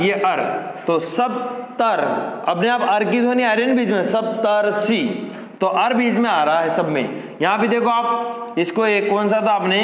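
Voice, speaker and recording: A man with a fairly high voice teaches a grammar class, asking questions and then answering them himself. The sound is roomy, with a long reverb tail behind every phrase. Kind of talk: Hindi grammar lesson.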